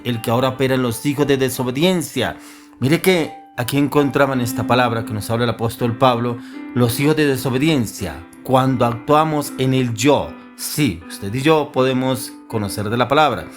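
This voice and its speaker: A man preaching a sermon, earnest and firing off rhetorical questions. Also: medium pitch.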